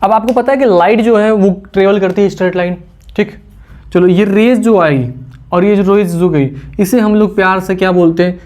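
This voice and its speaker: A man's voice: high voice, moderate pace, a little mellow. A male teacher giving a classroom physics lecture, teasing imagined students, repeating key terms and quizzing the class, with English terms mixed in. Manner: mixes English terms into speech.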